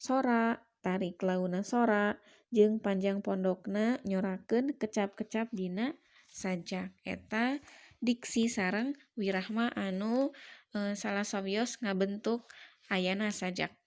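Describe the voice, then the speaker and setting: A woman's voice: mid-range voice, slow, darkish tone. A woman teacher with a Sundanese accent giving a lesson, explaining each point and then repeating it more simply. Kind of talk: classroom lesson.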